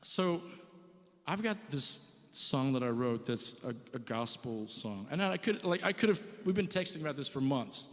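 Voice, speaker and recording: This man's mid-range voice is expressive, a bit bright, and moderately paced as he jokes and rambles self-deprecatingly between songs at church. The live recording captures his banter, singing, and guitar with long reverb.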